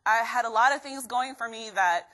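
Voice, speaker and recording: Bright, upbeat young woman from Guatemala. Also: on the high side, moderate pace. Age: young adult. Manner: energetic, keeps quizzing the crowd. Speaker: motivational speaker. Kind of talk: live motivational talk to students.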